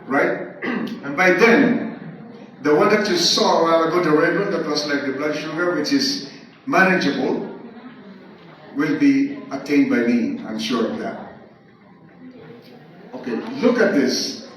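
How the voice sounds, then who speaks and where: A man gives a testimony to an audience, talking fast with many restarts and fillers. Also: on the high side, a bit bright, a little hiss or hum. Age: 70s. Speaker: speaker giving a testimony. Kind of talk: casual spoken talk to an audience. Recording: echoey room, far from the mic.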